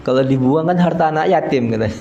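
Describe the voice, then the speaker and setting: A man teaches a religious study circle in a homely, joking tone, his voice sitting a bit high. The prayer hall rings around him, with a faint hiss underneath. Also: vocal fry, warm tone. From East Java, Indonesia. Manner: folksy, keeps addressing listeners as sir, chuckles at own jokes. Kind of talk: mosque study sermon.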